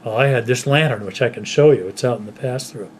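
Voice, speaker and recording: An older man at home casually telling stories from his childhood, unhurried and rambling, often trailing off softly at the end of a phrase. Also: mid-range voice, slight background noise. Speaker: storyteller recalling his childhood.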